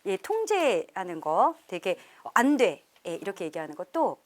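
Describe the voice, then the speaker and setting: A middle-aged woman professor giving a lively parenting lecture to a live audience, often laughing and acting out parents' lines. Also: on the low side, moderate pace. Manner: animated, laughs often, acts out quoted parents. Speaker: professor leading a parenting seminar.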